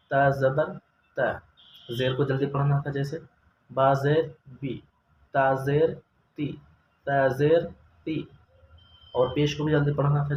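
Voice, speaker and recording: A man's voice: medium pitch, lo-fi sound. Patient male teacher in a roomy echo. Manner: patient, asks questions then answers them, drawls example sounds. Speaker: Quran reading teacher. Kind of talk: step-by-step recorded lesson. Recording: roomy echo, faint ambient noise.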